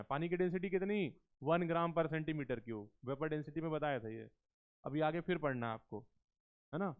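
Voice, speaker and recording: A man teaching chemistry in a live class, coaxing students with questions and slowing down to dictate terms word by word. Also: fairly high pitch, clean tone. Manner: coaxing, keeps asking students questions and calls them beta. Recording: tinny phone-like lecture recording.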